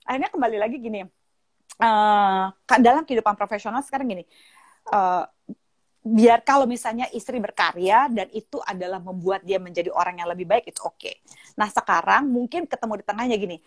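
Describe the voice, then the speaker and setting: Animated woman giving relationship advice. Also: mid-range voice, a little fast, no room sound. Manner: animated, mixes English phrases, acts out quoted lines. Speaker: host and sexologist. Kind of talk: casual advice chat on a live stream. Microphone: phone mic on a live video call.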